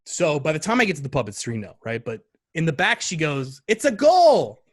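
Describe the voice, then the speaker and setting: A man in his thirties telling a story in casual podcast chat, animated and acting out quoted lines in a higher voice. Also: a little fast. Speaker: podcast guest.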